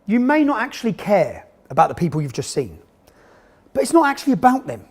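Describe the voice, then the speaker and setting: Lively, high-pitched sarcastic male narrator. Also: a little fast. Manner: sarcastic, emphatic. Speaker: documentary narrator and presenter. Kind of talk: documentary narration.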